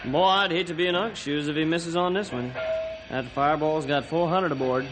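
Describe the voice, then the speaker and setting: A man's voice: on the high side, brisk, music in the background, close to an everyday voice, poor audio. An actor, a man, playing an easygoing, folksy railroad crewman in an old-time radio drama.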